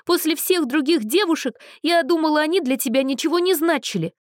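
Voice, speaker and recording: A woman's voice: high-pitched, normal speed, no room sound, clean studio sound, voice pushed up, lightly acted. A woman voicing a tearful, jilted young woman who sobs and wails. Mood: weeping, pleading. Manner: sobbing, wailing.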